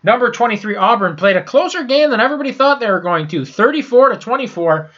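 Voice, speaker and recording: A young sports podcast host recaps college football scores on his own in a casual, blunt, profane way, often stumbling and starting over. His congested, sinus-clogged voice is extremely high-pitched with lively intonation and a bit of brightness, delivered fast over dull audio.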